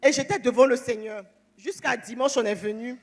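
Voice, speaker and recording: A woman giving an emotional church testimony, animated, acting out the phone calls she tells about. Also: on the high side, normal speed, in a large hall.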